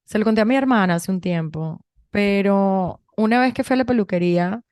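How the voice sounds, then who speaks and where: A woman in her thirties from Venezuela with a Venezuelan Spanish accent, co-hosting a podcast and telling stories in a chatty, animated way with many restarts. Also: medium pitch, fairly quick, clean tone, no room sound, clean studio sound. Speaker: podcast co-host. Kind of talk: casual conversation.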